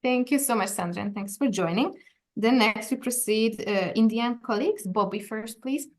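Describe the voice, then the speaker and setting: A woman's voice: on the high side, moderate pace. A woman chairing a video call meeting and leading the introductions, polite and procedural with some fillers. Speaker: education department director, meeting chair.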